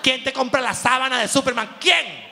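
An exasperated mother, middle-aged, firing off shouted guilt-trip questions, as a man acts her out on stage. The voice sits high and sounds sharp and bright. It rings with the long reverb of a large hall. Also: moderate pace, vocal fry, slight background noise, heavily acted. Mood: scolding.

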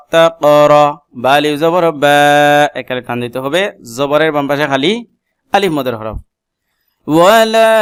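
In a spelled-out Quran recitation lesson, a man whose first language is Bengali spells out letters and vowel marks, explains every tajweed rule, and chants the Arabic verse with melody, all in a Bangladeshi accent. His voice is fairly high, fairly bright and clean-toned, recorded dry at studio quality.

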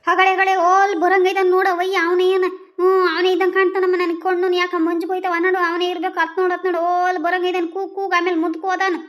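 A woman's voice: very high voice, monotone, fast. A woman playing a hard-of-hearing village mother-in-law in a comedy sketch, talking in a complaining way. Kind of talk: rural comedy sketch dialogue.

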